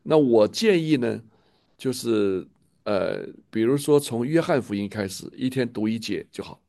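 A man's voice: medium pitch, expressive, a little slow, gravelly, dark tone, dry recording, clean studio sound. A man leading a casual church chat, speaking with enthusiasm and a preachy manner, often repeating himself. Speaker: church leader.

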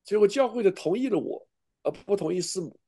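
A man's voice: high voice, animated, a little fast, mellow, breathy edge. A middle-aged man, a pastor, preaching a sermon with earnest, emotional testimony and frequent restarts.

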